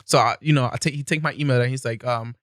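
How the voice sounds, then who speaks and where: A young man on a podcast, telling stories in an easygoing, rambling way and laughing along. His voice sits at an ordinary middle pitch, and the sound is close and dry with no room around it. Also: steady tone, quick pace, a bit bright, dry recording. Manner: laid-back, laughs often, talks loosely with many "like"s. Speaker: podcast guest. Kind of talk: casual storytelling. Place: podcast studio.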